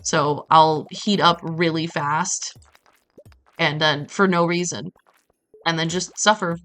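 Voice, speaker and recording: A Brazilian woman livestreams a game and chats casually, her voice low and her pace slow. She tells stories with animation, acting out quotes and tossing in playful asides.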